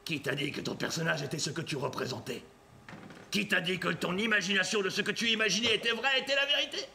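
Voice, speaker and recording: A man's voice: high-pitched, fast, background noise. A man voicing a grandiose male mask character in improvised stage comedy, declaiming and pleading. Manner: declamatory, shouting, gravelly.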